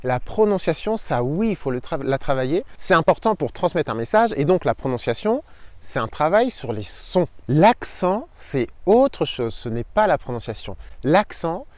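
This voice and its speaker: A French-speaking man who teaches Spanish, hosting an energetic video lesson and rant, emphatic and punchy as he explains, recorded outdoors in an old town. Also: on the high side, moderate pace, no echo. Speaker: Spanish teacher and channel host.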